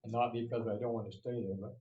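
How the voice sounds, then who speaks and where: A man's voice: medium pitch, steady tone, quick pace, reverberant, narrow, tinny audio, slight background noise. An elderly man in his eighties, a property owner giving rambling, folksy testimony with restarts. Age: 80s. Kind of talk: casual testimony.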